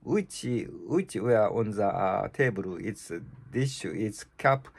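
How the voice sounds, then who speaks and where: Slow, gravelly man with a Japanese accent. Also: lowish voice, lively intonation. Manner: halting, stumbling reading with many restarts and fillers. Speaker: channel host reading scripture. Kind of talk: reading the Bible aloud in English.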